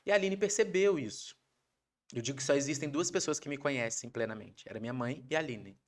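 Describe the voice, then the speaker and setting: A Brazilian man, a podcast guest, telling a personal story in a casual, animated way, acting out his wife's lines. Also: medium pitch, fast. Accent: Brazilian Portuguese. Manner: animated, acts out quoted voices of his wife.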